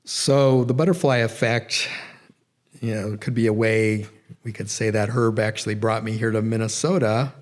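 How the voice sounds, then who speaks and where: A man's voice: fairly low pitch, steady tone, moderate pace. A middle-aged man giving a public lecture, rambling and correcting himself, with many fillers. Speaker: guest lecturer. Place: nature center event room.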